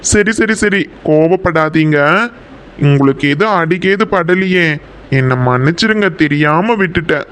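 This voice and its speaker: A man's voice: on the high side, unhurried, fairly bright tone, smooth. A man voicing a flustered village man in a cartoon who keeps apologizing and pleading, speaking with a Coimbatore Tamil accent. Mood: apologetic. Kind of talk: cartoon voice acting.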